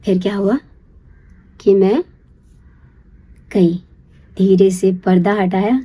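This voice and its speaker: A young woman casually telling a personal story in a chatty, confiding way, checking in with the listener and slipping into a hushed whisper for the secret parts. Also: mid-range voice, steady tone, slow, breathy edge. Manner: chatty, confiding, keeps asking "you get it?"; drops to a hushed whisper when acting out secrecy. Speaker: storyteller recalling her first love.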